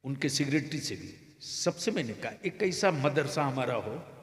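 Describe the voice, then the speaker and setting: A man preaching in Hindi-Urdu at a public religious gathering, moving from calm storytelling to loud shouted climaxes. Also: mid-range voice, unhurried. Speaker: Islamic preacher. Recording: echoey hall with long reverb.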